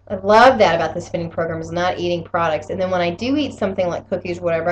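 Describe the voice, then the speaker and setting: Casual rambling woman, clear background noise. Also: lowish voice. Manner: rambling, conversational, self-correcting. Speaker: vlogger giving weekly health challenge update. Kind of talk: casual chat, personal update.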